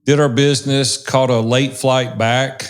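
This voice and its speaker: A man's voice: mid-range voice, level tone, measured pace. A man co-hosting a podcast from a studio, telling chatty stories and laughing often. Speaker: podcast co-host. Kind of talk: casual podcast chat.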